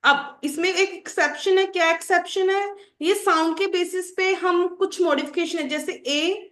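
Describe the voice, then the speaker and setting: A woman's voice: very high voice, a bit bright. A woman teacher explaining English grammar to students, asking the class questions and answering them herself. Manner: addresses students as children. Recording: roomy echo.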